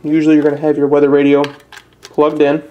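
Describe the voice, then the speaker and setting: Recorded at an indoor desk with the highs cut off, a young man from northern Illinois gives a casual, somewhat hesitant how-to in plain words. His Midwestern American voice is fairly high, quick, and completely flat in delivery. He's an amateur presenter working step by step.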